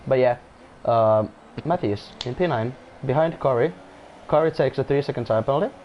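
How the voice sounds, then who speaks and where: Over slight background noise and lo-fi sound, a man with medium pitch and a moderate pace commentates casually on an online race. English isn't his first language, and he frequently restarts and apologizes as he goes.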